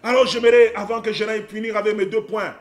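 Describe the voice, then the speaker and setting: A man preaching a sermon with fervour, often rising to a shout and repeating phrases. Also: high voice, flat delivery, fast talker, soft background music. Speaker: pastor.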